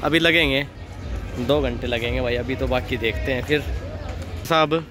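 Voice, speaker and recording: A man's voice: medium pitch, moderate pace, over music, a crowd in the background, low-quality recording. A man in his thirties vlogging a train trip, chatting to viewers from a phone held at arm's length, on station platforms and inside the coach. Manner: chatty, addresses viewers as brother. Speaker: travel vlogger. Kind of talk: casual travel vlog. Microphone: handheld phone at arm's length. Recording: loud train and station noise.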